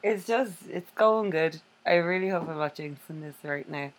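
A woman's voice: on the low side, normal speed, slight background noise. A young woman co-hosting a casual chat, telling stories with frequent laughter. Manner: chatty storyteller, laughs often.

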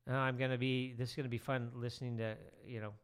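This middle-aged teacher speaks fast, his medium-pitched voice clear and resonant. As a podcast guest in casual chat, he's relaxed and rambling, with many fillers.

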